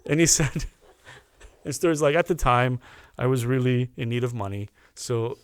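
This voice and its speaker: A man, a guest on a podcast, telling a personal story in a casual, animated way, often stopping to restart a phrase. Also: medium pitch, normal speed, clean tone, no room sound. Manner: animated anecdote teller with restarts.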